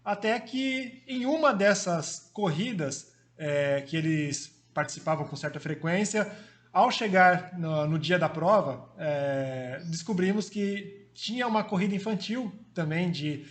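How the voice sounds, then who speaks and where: A man's voice: sits high, expressive, a little slow. A man in his forties from Brazil, a former marathon runner telling his story as a guest in a friendly, casual way, with fillers. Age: 40s.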